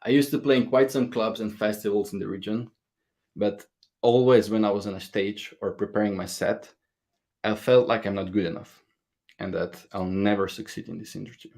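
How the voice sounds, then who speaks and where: A man's voice: on the low side, fairly even intonation, moderate pace, a little mellow. A man, giving an earnest, slightly nervous prepared talk at a conference. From Slovenia. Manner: earnest, a bit nervous, grammar slips. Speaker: conference speaker.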